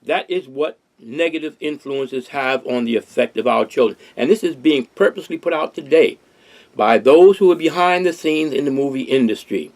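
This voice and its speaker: A man's voice: medium pitch, normal speed, a little mellow. An older man, hosting a casual discussion in an earnest, rambling way with many restarts. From Harlem, New York. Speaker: host.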